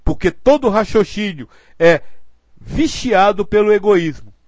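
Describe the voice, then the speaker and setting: A man with a high, light voice explains spiritual teachings in an earnest, patient way. The sound is close and dry, with no room around it. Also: expressive, unhurried, a little mellow, no echo, dull audio. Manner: earnest, explanatory, acts out example phrasings.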